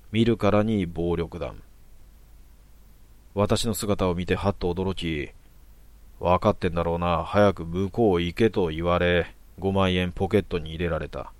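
Male storyteller, calm and matter-of-fact, low voice, dry close recording. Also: no room sound. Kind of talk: narrated horror story.

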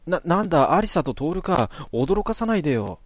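A man's voice: on the high side, very animated, fairly quick, no room sound, pitched above the performer's own voice. A man voicing a jumpy, easily frightened young protagonist in a horror game, with a stammering, startled manner.

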